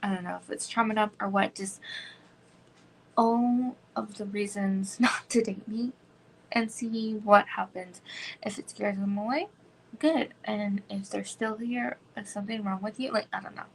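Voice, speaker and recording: Gravelly-voiced woman chatting on a livestream. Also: mid-range voice, steady tone, unhurried, poor audio. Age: 30s. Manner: rambling, frequent "like" fillers, drops into whispers. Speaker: livestream host. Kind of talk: casual chat.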